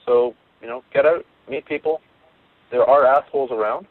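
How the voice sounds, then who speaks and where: A man's voice: mid-range voice, moderate pace, no echo. A man being interviewed as a guest, talking frankly and casually about his sport. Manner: frank, easygoing, loose phrasing. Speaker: interview guest, martial arts instructor. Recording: dry phone-line audio.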